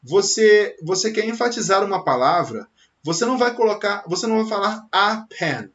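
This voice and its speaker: High-voiced Brazilian man teaching English. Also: big pitch swings, moderate pace, fairly bright tone. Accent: Brazilian Portuguese. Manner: conversational, checks in with "ok?" and "tá?". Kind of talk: beginner language lesson. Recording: slightly dull lo-fi sound.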